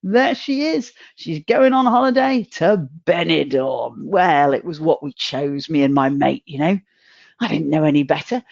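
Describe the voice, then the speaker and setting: A middle-aged woman giving a humorous motivational talk, chatty and self-mocking, with sudden jumps in pitch. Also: a little mellow, no room sound, highs cut off. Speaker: motivational speaker.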